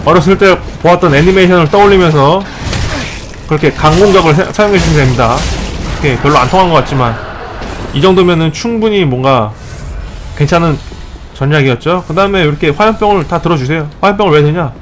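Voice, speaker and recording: A man's voice: a little high, quick pace, noisy background. Playful man giving mock game tutorials. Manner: excitable outbursts during fights. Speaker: gaming channel host. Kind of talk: let's play commentary.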